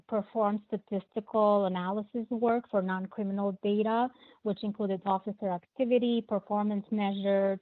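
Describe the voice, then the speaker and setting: Brief: woman from Albania, Albanian native, thirties, measured podcast guest, phone-quality audio. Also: mid-range voice. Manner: measured, explanatory, with frequent fillers. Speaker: guest, crime analyst. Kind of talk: podcast interview. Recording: phone-like narrow band line.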